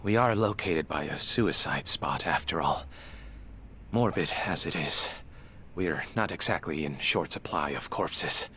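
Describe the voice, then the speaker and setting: In a video game drama, an actor voices a formal, guarded male medical examiner who picks his words carefully, his speech measured until he falters under pressure. The man's voice is extremely low, pushed and bright, and exaggerated, with a little hiss or hum. He sounds composed and formal, and music plays behind him.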